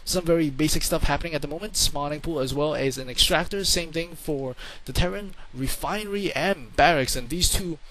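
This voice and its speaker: A man's voice: a little high, brisk, few pauses, fairly bright tone, poor audio. A man giving casual, rambling play-by-play commentary on a strategy game into a home microphone, often repeating words for emphasis.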